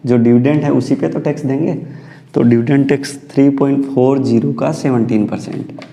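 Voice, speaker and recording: Gravelly dark-voiced man teaching step by step. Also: mid-range voice, steady tone, normal speed, long reverb tail. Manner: mixes Hindi with English terms, asks and answers his own questions. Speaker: commerce teacher. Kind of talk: lecture solving problems step by step.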